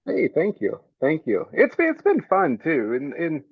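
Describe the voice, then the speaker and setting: A man being interviewed as a guest, talking in an easygoing, plain-spoken way with many pauses. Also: fairly high pitch, wildly swooping pitch, husky, dry recording, narrow, tinny audio. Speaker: guest, small business owner. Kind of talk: casual interview chat.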